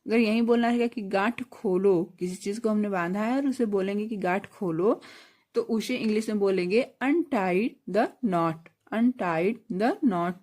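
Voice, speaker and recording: A woman teaching a basic English lesson, spelling words letter by letter, repeating phrases slowly, and asking and answering her own questions. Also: mid-range voice, a little mellow.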